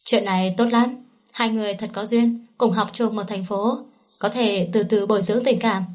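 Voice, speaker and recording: A woman's voice: mid-range voice, fairly even intonation, normal speed, natural voice. A woman reading the lines of a proud young man who speaks in a stiff, clipped way, in an audiobook. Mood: jealous.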